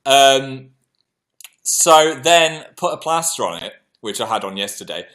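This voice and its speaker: Animated British man telling stories. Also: mid-range voice, a little slow. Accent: British English. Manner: animated, self-mocking, chatty anecdotes. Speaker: livestream host. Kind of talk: casual storytelling to viewers.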